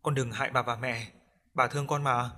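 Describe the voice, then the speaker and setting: Man voicing a gentle devout grandmother. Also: medium pitch, fairly even intonation, brisk, slight background noise, lightly acted. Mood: soothing. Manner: soft coaxing, polite.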